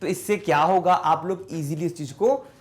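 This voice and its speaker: A male teacher with a high voice walks students through spelling. He asks question after question and answers each one himself. He stretches words out slowly, syllable by syllable. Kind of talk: explaining English spelling in a class lesson.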